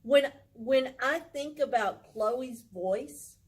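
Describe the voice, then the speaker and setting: A woman's voice: high voice, extremely slow. A woman co-hosting a pet vlog, cutting in with joking, wry quips. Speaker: channel co-host. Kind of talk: casual chat about pets.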